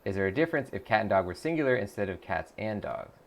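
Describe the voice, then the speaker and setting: A man with a low, gravelly, crackly voice rambles loosely through a live stream while practicing a language app, talking fast in a sing-song way. He thinks out loud, trails off and restarts sentences, and reads viewer comments aloud to answer them as he goes.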